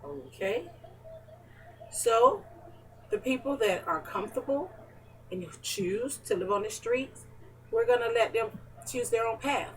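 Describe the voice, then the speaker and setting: A woman's voice: fairly high pitch, expressive, measured pace, pauses often, distant mic, slight background noise, poor audio. A woman interviewing her neighbor in a casual home chat, chatty and playfully teasing. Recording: voice from away from the mic.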